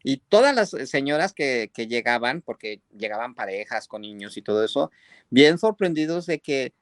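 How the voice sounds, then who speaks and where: A man hosts a casual interview in a mid-range voice that sounds dry and close. He is chatty and tells stories, with frequent pauses and hesitations. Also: mid-range voice, big pitch swings, no room sound. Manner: chatty storyteller with many "este" fillers. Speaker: host.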